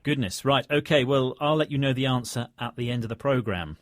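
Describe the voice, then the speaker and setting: Clear-voiced man hosting. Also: mid-range voice, fairly bright tone, no echo. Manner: clear, measured, quizzing. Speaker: host. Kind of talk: scripted educational radio chat. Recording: dry studio.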